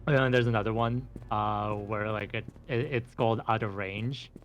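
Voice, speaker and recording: A man in casual chat on a voice call, relaxed and offhand while adjusting his audio settings. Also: lowish voice, moderate pace. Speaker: friend on a voice call.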